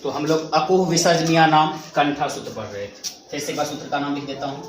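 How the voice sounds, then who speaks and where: A man's voice: fairly high pitch, a little fast. A male teacher giving a classroom grammar lesson, repeating each point and asking questions back to the class. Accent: Hindi. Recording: echoey room, mic far off, faint noise.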